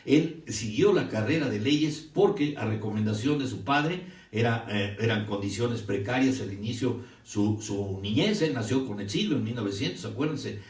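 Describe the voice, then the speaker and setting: A man's voice: medium pitch, animated, normal speed, hardly any pauses, a little mellow. Older Mexican male host with a chatty, digressive delivery, recorded in a roomy space away from the mic. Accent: Mexican Spanish. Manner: chatty, digressive, emphatic storyteller. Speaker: host of a history and commentary show. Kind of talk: live-stream talk with viewer shout-outs. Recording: roomy echo, distant from the mic.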